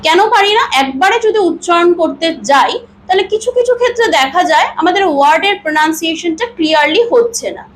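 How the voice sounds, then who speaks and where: High-pitched woman teaching step by step. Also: animated, fast talker, a little hiss or hum, rough recording. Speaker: English teacher. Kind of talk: classroom-style grammar lesson.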